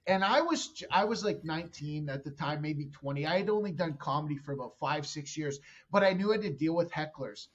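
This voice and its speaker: Animated and brisk with few pauses, a Canadian man in his thirties speaks in a fairly bright, high-side voice, the highs cut off in the audio. Guesting on a podcast as a comedian, he tells a long, rambling, profane story, interrupting himself mid-sentence.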